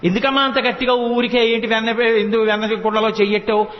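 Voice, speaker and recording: A village milkmaid who can't believe her ears exclaims and fires off questions, voiced by a man telling the tale. The voice sits high and rings in a long hall reverb. The sound is dull and muffled. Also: flat delivery, fast, close to an everyday voice. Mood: scolding, incredulous. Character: startled village milkmaid woman, scolding.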